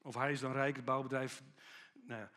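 A man preaching a sermon with animated storytelling, acting out the people he quotes. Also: medium pitch, moderate pace.

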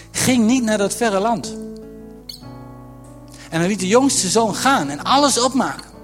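A man preaching a lively sermon, acting out quotes and joking with the congregation. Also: high voice. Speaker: pastor.

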